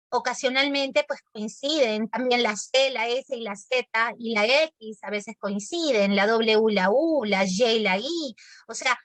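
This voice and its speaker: A woman's voice: on the high side, fairly bright tone, dry recording. A woman teaching grammar in an online class, explaining patiently, calling her pupils sweet names and checking often that they follow. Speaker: language teacher.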